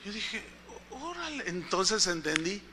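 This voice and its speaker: A man preaching a sermon, telling stories in an animated and emphatic way. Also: high-pitched, a little slow, slight background noise. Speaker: pastor.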